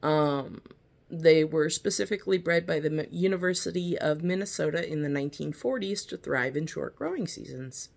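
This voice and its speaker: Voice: mid-range voice, moderate pace, gravelly. A gardening vlogger chatting casually through an unboxing, rambling with lots of fillers and apologetic asides, sometimes reading packet text aloud. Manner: reads seed-packet descriptions aloud. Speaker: gardening video host. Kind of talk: casual unboxing and seed review.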